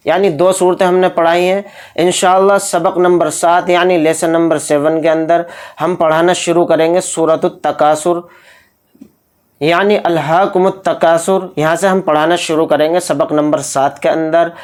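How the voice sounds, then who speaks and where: Man, tajweed teacher, very slow, smooth clear voice, patient explanations. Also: fairly high pitch. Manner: explains each letter patiently, repeating and drawing out sounds. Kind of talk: slow, methodical recitation lesson.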